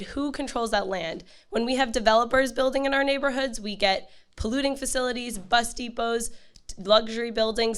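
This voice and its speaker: A hoarse woman speaking to a community meeting as a campaign manager. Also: a little high. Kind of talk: prepared community meeting talk.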